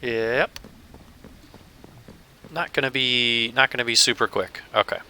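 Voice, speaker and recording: A man with a medium-pitched, clean, sharp-toned voice chats unhurriedly through his gameplay as a channel host, thinking aloud and chuckling now and then. He has the hiccups during this casual let's-play commentary.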